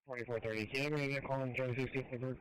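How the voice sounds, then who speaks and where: A man's voice: mid-range voice, fairly even intonation, very fast, a crowd in the background, poor audio. A man reporting from the field as an emergency responder over a two-way radio. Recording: scanner radio with loud voices behind.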